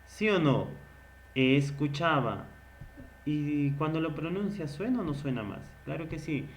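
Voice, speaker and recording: A man teaching literature in a recorded lecture. He asks questions and answers them himself, and he repeats key words slowly. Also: fairly high pitch, lively intonation, a little mellow, slight background noise.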